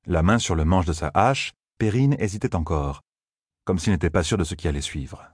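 A man narrating an audiobook in a steady, measured reading voice. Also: low voice, breathy edge, dry recording, studio quality.

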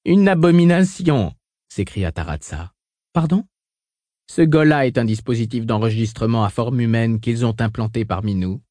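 A man narrating a novel as an audiobook, reading in an even, measured way and lifting his voice for the dialogue. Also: on the low side, no room sound. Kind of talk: scripted narration.

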